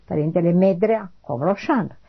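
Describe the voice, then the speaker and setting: An elderly woman, recalling things in a halting way. Her voice is low, gravelly and husky, and she keeps repeating little affirmations before fading off. The recording is dull and lo-fi. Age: 80s. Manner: halting, repeats short affirmations, trails off quietly. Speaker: interviewee. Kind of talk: oral history interview.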